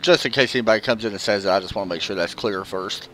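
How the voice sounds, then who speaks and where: A man's voice: fairly low pitch, fast talker, bright, forceful tone, soft background music. Southern-accented man calling a sim race. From American South. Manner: casual, chatty, with frequent fillers. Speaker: race commentator. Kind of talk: live sim-racing commentary.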